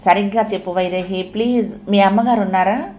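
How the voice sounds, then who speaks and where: A woman's voice: mid-range voice, fairly quick, darkish tone, lightly acted. Woman voicing a shy, hard-up young woman. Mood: pleading. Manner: hesitant, asks in a small voice.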